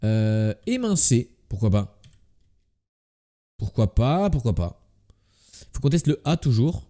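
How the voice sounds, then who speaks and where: Slow, very mellow man with a slight lisp. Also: mid-range voice, very animated. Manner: mutters guesses aloud, repeating words. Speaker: live streamer playing word games. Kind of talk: casual live game commentary.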